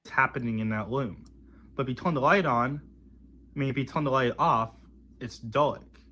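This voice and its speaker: A man's voice: mid-range voice, normal speed, bright, forceful tone, a little hiss or hum. A man giving an informal explanatory talk in a didactic, conversational manner. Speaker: video speaker explaining religious belief.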